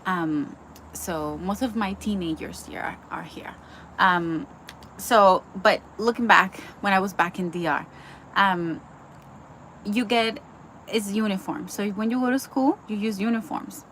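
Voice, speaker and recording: Speaking unhurriedly in a mid-range, slightly bright voice, a young Dominican Bible teacher gives an earnest, casual devotional filled with likes, ums and restarts. The audio is poor, with a little hiss or hum.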